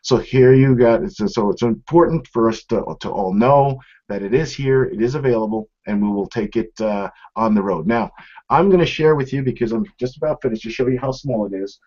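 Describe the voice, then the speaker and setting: Briskly and at a medium pitch, a middle-aged man demonstrates a product informally, explaining conversationally and addressing viewers directly. His tone is darkish, and he is in a small indoor office, recorded with dull, lo-fi webcam sound.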